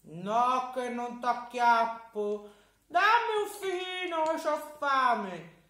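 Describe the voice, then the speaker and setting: A woman with a Tuscan accent voicing a hungry, sly, boastful giant in a loud, booming, wheedling voice for a children's story. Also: expressive, drawn-out words, exaggerated voice. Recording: echoey room.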